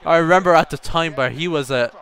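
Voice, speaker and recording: A young man commentating his own gameplay, telling a story and bursting into excited shouts at the game. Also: on the high side, quick pace. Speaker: gaming YouTuber.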